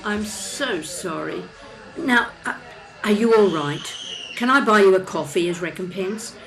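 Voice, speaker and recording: A woman's voice: medium pitch, moderate pace, a little hiss or hum, rough recording. An older woman playing a chatty, inquisitive café customer in an audio drama, asking questions in a friendly way. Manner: chatty, warm-hearted, inquisitive. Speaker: narrator and lead character.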